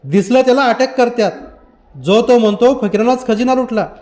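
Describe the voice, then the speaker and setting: A man's voice: very high voice, brisk, darkish tone, voice pushed up. A man doing a frantic rustic messenger. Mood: urgent, upset. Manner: rustic village dialect, urgent. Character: distressed village messenger man, rustic speech.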